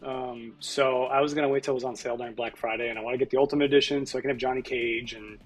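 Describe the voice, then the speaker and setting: A man's voice: mid-range voice, steady tone, very fast, soft background music. A man in his thirties or forties chatting casually on a podcast, rambling with many fillers and laughing often. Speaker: podcast co-host. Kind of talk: casual chat.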